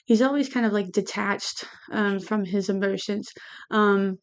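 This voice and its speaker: A woman's voice: mid-range voice, fairly even intonation, measured pace, clean tone. A woman giving a casual tarot reading, speaking with a lisp from lingual braces in a hesitant, meandering way. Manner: hesitant, meandering, repeats "you know". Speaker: tarot reader.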